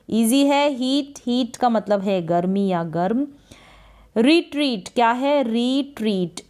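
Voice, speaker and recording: Woman teacher spelling words out slowly. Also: medium pitch, darkish tone. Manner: slow, drawn-out spelling of each word, then repeats the meaning; asks questions and answers them herself. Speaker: English teacher. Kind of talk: spoken Hindi lesson on reading English words.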